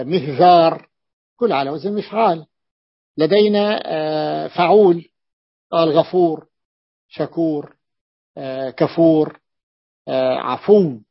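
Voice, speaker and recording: A man with a gravelly, fairly high voice leads a classroom lesson, repeating key terms and stretching his fillers as he thinks. The recording is dull and lo-fi. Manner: repeats terms, many drawn-out "aah" fillers. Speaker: teacher of Arabic morphology. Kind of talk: classroom lesson explaining a text.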